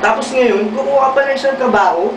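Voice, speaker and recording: A woman putting on a low male voice to play an exasperated young husband in a comedic fan redub. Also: fairly even intonation, unhurried, roomy sound, distant mic, noisy background.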